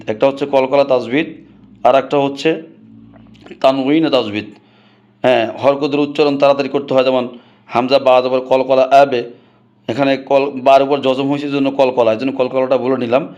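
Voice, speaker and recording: A man's voice: medium pitch, a little mellow, highs cut off. A male Quran reading teacher leading a rhythmic spelling drill and then explaining it to viewers. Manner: rhythmic, chanting recitation of letters.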